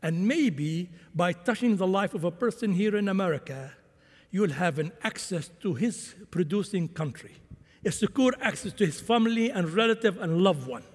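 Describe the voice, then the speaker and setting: A man's voice: sits high, expressive, normal speed. A man who grew up in Syria, preaching a sermon with impassioned swings in volume. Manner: impassioned, rising and falling volume. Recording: long hall reverb.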